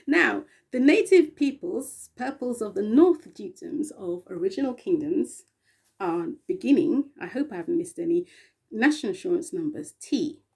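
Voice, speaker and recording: Slow, gravelly English woman. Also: mid-range voice, sing-song, darkish tone. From England. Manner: slow, meandering, spelling letters aloud with frequent ums and little laughs. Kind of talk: rambling spiritual monologue.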